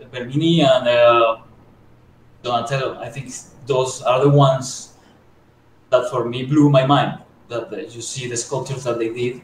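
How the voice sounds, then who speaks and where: A man from Colombia answers interview questions in a modest, halting way, with lots of fillers and restarts. His voice is heard from a distance in an echoey room. A faint hiss sits under the recording. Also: mid-range voice. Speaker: guest sculptor.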